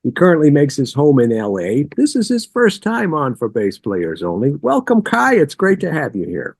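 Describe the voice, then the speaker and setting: A man hosting a bass-playing interview show, reading an upbeat intro and then asking casual questions. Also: wildly swooping pitch, moderate pace, gravelly, husky, no echo. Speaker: interview host. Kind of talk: podcast interview.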